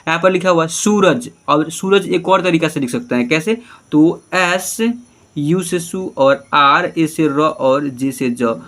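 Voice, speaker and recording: A man's voice: on the high side, measured pace, fairly bright tone. A male teacher giving an online spelling lesson, patiently spelling names out letter by letter and often checking that the children follow. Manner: often says "okay" and checks understanding.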